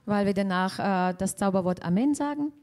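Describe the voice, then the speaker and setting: A woman's voice: mid-range voice, expressive, fairly quick, a little mellow. A woman interpreting a sermon sentence by sentence. She hesitates often and restarts her phrases while searching for words. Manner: hesitant, many fillers and restarts.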